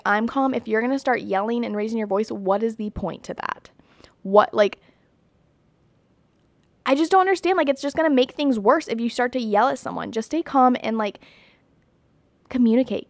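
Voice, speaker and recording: Chatty, blunt young woman, slightly high voice. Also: no room sound. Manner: chatty and emphatic, many "like"s and "you know"s; blunt and opinionated. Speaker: vlogger. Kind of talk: casual talk to camera.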